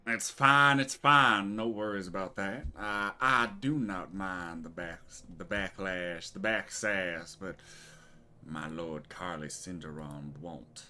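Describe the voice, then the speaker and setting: A man's voice: low voice, slow, sharp tone, full character voice. A man doing an oily, smug male cultist. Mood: smug welcome. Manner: oily politeness with veiled threats. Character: fawning male cultist greeter, smug, menacing.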